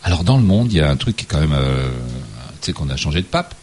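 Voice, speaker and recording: A man's voice: a bass voice, very animated, quick pace, a little mellow, a little hiss or hum. A man with a Parisian French accent chatting casually and satirically about the news as a host, wry and irreverent.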